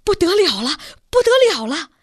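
A woman's voice: high voice, sing-song, unhurried, no room sound. A woman voicing an elderly grandfather, frightened and agitated, telling of a close call. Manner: agitated, exclamatory. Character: shaken old grandfather, frightened.

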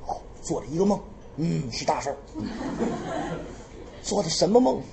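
A woman voicing a patient, henpecked old prince in a Beijing accent, muttering low and placating. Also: sing-song, normal speed, creaky, noisy background, full character voice.

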